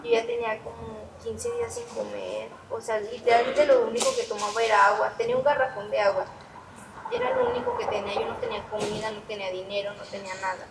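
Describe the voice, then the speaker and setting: A Mexican woman with a fairly high voice tells her recovery testimony as an interview guest. She recounts her story in an animated way and laughs at her own memories. The recording is echoey, taken from a distance, with clear background noise. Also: quick pace. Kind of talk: personal testimony in a podcast interview.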